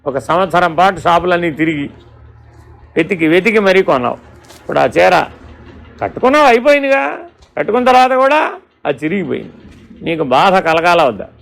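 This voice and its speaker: Male spiritual teacher, high-pitched and gravelly, questioning, storytelling discourse. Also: expressive, a little fast, pauses often, a bit bright. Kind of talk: Vedanta discourse.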